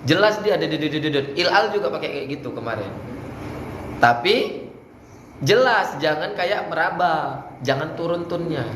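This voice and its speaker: In an echoey indoor room at an Islamic boarding school, a man with a slightly high, fairly bright voice coaches students for an Islamic speech contest. He talks a little fast and casually, occasionally chanting Arabic phrases as examples, with faint background noise.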